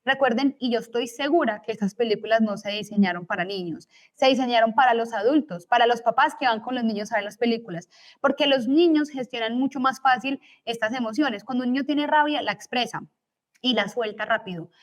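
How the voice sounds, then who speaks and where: A woman's voice: fairly high pitch, brisk. A young woman lecturing as a teacher in a recorded course, explaining each point and checking in with tag questions.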